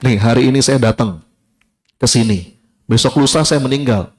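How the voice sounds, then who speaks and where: A male Islamic preacher giving a sermon to a live congregation, a lively storyteller who talks straight to his listeners. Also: medium pitch, moderate pace.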